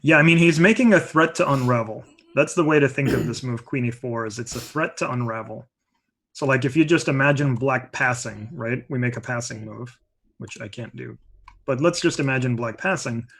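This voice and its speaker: A man's voice: medium pitch, a little fast, creaky, fairly bright tone, husky. A man giving live chess commentary in a chatty way, explaining moves with many asides.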